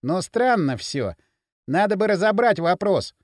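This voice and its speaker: A man playing a cool, measured young leader. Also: high voice, big pitch swings, darkish tone, no echo, studio quality.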